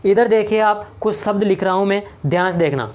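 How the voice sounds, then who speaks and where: A man teaching a whiteboard lecture, slowly repeating each point and asking his class rhetorical questions. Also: high-pitched, a little mellow.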